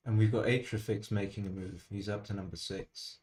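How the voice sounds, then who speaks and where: Guy with a lowish voice streaming backgammon, dry and a bit self-mocking, mumbling his moves into a desk mic. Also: fairly even intonation, a little fast, darkish tone. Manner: dry, self-deprecating, muttering to himself. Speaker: streamer playing online backgammon. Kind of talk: casual stream commentary. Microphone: desk microphone.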